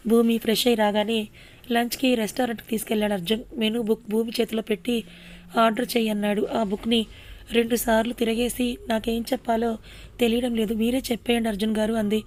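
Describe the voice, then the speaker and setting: Female storyteller, mellow tone, fairly even delivery, soft expressive dialogue. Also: fairly high pitch, brisk. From Telugu-speaking India. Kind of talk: audio story narration.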